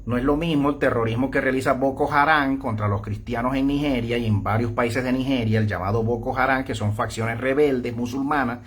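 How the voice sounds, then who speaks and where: A man's voice: mid-range voice, steady tone, brisk, few pauses, fairly bright tone, a little hiss or hum. A man preaching an online sermon, confrontational, who keeps prodding the listener with short questioning grunts and mocks opponents by imitating them. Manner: confrontational, repeatedly addresses listener with "¿mm?" and "¿ah?"; mocks opponents by acting out their voices.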